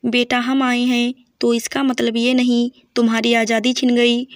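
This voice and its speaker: A woman voicing a kind, loving older mother-in-law in a storybook reading, speaking gently and affectionately. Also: fairly high pitch, flat delivery, normal speed, dry recording, clean studio sound, natural voice.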